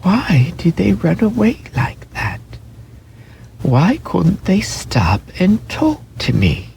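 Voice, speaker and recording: A man's voice: high voice, wildly swooping pitch, slow pace, creaky, darkish tone, a little hiss or hum, voice pushed up, heavily acted. A man voicing a small, wistful, defensive male velveteen toy rabbit in a dramatic storybook reading, plaintive and insistent. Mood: forlorn.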